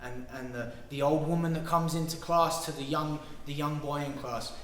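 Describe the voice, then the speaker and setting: Earnest gym owner in an echoey hall. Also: male voice, a little high, steady tone, normal speed, fairly bright tone, a little hiss or hum. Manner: earnest, proud, voice trailing off at phrase ends. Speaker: Muay Thai gym owner and pro fighter. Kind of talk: interview answers. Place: martial arts gym.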